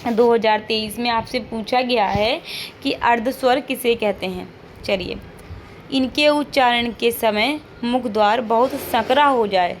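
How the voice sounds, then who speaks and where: A woman's voice: on the high side, unhurried, slight background noise. A woman teacher giving an online lesson, patiently repeating each point, modeling sounds aloud and checking in with frequent questions.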